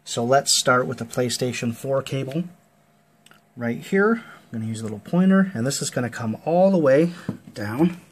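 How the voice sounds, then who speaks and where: A man's voice: mid-range voice, lively intonation, normal speed, slightly rough. A man talking through a casual step-by-step tech tutorial, out of breath and chatty with fillers.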